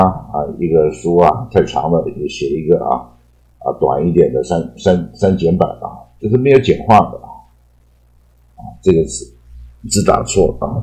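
Man, English teacher, from Taiwan, dark mellow tone, rambling loose explanations, lots of trailing particles. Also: sits low, low-quality recording. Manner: rambling, loose explanations full of drawn-out sentence-final particles. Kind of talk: explaining English vocabulary in a lecture.

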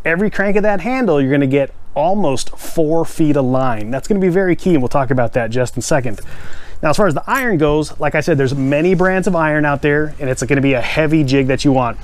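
Man, 40s, fishing channel host, slightly high voice, energetic, plainspoken, repeats steps, outdoors in a backyard. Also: quick pace, dry recording. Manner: energetic, gestures while holding a rod; plainspoken, repeats key steps, counts out loud. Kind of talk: casual how-to demonstration.

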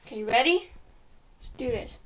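A woman's voice: fairly high pitch, animated, normal speed, slight background noise. A woman playfully fussing over a friend in a home video challenge, teasing and giggly.

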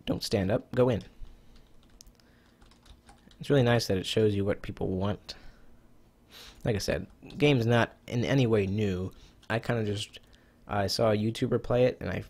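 Here the same kind of let's-play clip features a man with a lowish, darkish voice, captured on a rough recording. He's a gaming YouTuber rambling to himself over a browser cooking game, a little winded and swearing occasionally.

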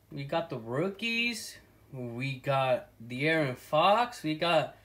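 A man's voice: high-pitched, fairly bright tone. A man from Oklahoma City ranting straight to his viewers in a heated, profane video commentary. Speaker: sports fan vlogger.

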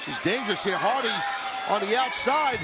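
Very high-pitched exclamatory male color commentator. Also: expressive, normal speed, over a noisy crowd. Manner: exclamatory, incredulous, opinionated. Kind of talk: reactive live sports commentary. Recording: loud music behind commentary. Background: loud music.

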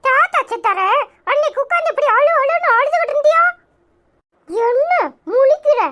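A woman's voice: very high-pitched, moderate pace, background noise. A woman voicing a sarcastic, nagging young grandson with a Tirunelveli Tamil accent in a cartoon. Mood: scolding. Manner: nagging, mocking questions. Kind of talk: cartoon voice acting.

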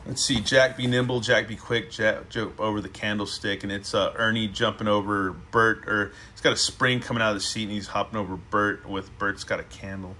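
A man's voice: lowish voice, fairly even intonation, fairly quick, few pauses, sharp tone, a little hiss or hum. A man hosting a show, casually reading a children's book aloud with chatty asides. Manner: laid-back, chatty asides.

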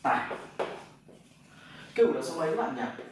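A man, his voice a little high, teaches a class and keeps checking that his students follow. He sounds far from the mic, in a very echoey room with faint noise behind him. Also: expressive, a little slow. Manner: explains step by step, often asks "right?" to check. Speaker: Chinese language teacher. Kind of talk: classroom lesson.

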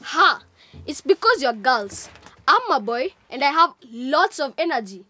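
A woman's voice: high voice, sing-song, unhurried, bright, forceful tone, heavily acted. A woman playing a cocky cartoon schoolboy. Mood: teasing. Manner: boastful, teasing. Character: cocky schoolboy, boastful and teasing.

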